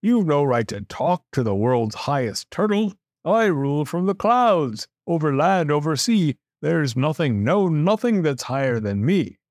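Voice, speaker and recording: A self-important turtle king out of a storybook, acted out by a male reader. The voice is high and swings widely in pitch as he boasts and bellows orders, imperious and bossy, in a dry, close sound. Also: big pitch swings, measured pace, hardly any pauses, darkish tone, no room sound. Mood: boastful rage. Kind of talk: storybook character voice.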